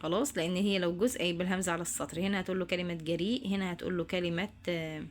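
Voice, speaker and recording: A woman's voice: fairly low pitch, steady tone, racing, slight background noise. A woman teacher with an Egyptian accent, walking students through homework answers and addressing them directly. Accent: Egyptian Arabic. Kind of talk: homework walkthrough lesson.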